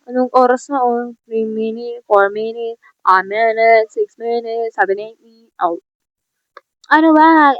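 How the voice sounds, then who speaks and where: A young woman with a fairly high voice keeps up teasing, casual commentary while gaming, addressing both herself and her viewers and laughing frequently. The audio is dull lo-fi with no room sound.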